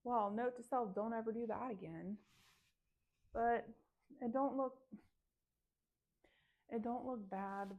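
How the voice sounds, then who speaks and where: A woman, chatting to the camera while she sews and muttering her frustration to herself and her viewers. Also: mid-range voice. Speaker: sewing vlogger. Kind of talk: casual chat to camera while sewing. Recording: dull lo-fi sound.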